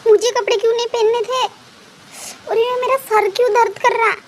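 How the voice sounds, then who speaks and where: Woman putting on a confused young guy yelling questions, high voice, faint hiss. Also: steady tone, moderate pace. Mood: indignant. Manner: raised, indignant questioning. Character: flustered young man waking up confused.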